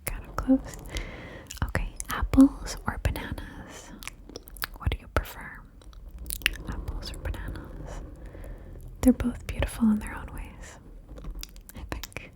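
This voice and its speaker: A woman whispers slowly and playfully, close to a stereo mic that moves between left and right ears. Her voice sits a bit high and the talk is chatty, with casual swearing. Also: fairly even intonation, a little mellow. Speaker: ASMR creator. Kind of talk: ASMR whispering.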